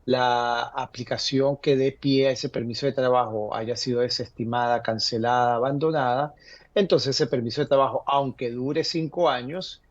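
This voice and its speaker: A man's voice: medium pitch, fairly even intonation, no echo. Guy giving legal answers live, lots of ums and restarts, dry muffled sound. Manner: halting, many fillers and restarts. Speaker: legal guest answering viewer questions. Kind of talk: live call-in advice segment.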